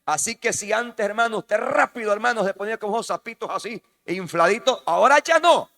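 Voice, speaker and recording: A man's voice: high-pitched, brisk, gravelly, bright, forceful tone. A Salvadoran man preaching a sermon as pastor, emphatic and repetitive, often calling out to the congregation as "hermano". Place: church hall. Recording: reverberant church hall.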